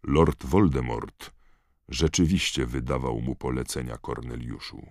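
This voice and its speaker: A man voicing a wise old headmaster who speaks in a calm, grave, measured way. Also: extremely low pitch, no room sound, clean studio sound.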